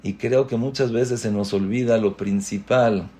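A man giving a spoken Torah lesson in an earnest way. He asks rhetorical questions, repeats words for emphasis and climbs to emphatic high peaks on key points. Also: fairly even intonation, unhurried, mellow.

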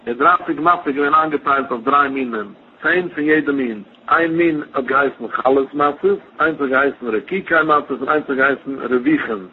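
A man's voice: medium pitch, normal speed, hardly any pauses. A man giving a Talmud lesson, explaining in a chanting study cadence. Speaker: Talmud teacher. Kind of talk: Talmud lesson in Yiddish-tinged speech. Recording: tinny phone-line recording, faint hiss.

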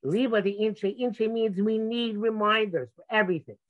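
A man's voice: high-pitched, normal speed. Insistent man, phone-like sound. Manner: insistent, argumentative, stammering restarts. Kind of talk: religious debate, conversational. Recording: muffled, narrow phone-like sound.

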